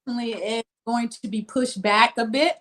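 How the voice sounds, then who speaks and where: A woman's voice: a little high, a little fast. Woman guest from Mississippi. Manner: relaxed, frequent ums. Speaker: guest, boutique owner. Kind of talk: casual interview.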